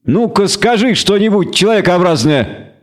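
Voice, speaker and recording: A man's voice: sits high, moderate pace, pitched above the performer's own voice, close to an everyday voice. A man voicing a hissing scornful elf woman. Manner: hissing, contemptuous. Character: fierce young female elf warrior, scornful.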